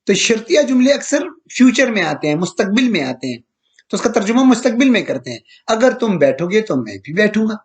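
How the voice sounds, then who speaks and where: A male teacher giving a recorded slide lecture, who repeats each point, slowly draws out quoted verses and asks listeners whether they have understood. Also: high voice, big pitch swings. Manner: checks understanding with questions to listeners. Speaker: grammar teacher.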